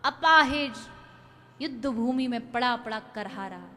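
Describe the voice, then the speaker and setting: A young woman telling a devotional scripture story as a preacher, dramatic, swelling loud for emphasis and chanting verses. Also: a little high, a little slow, long reverb tail.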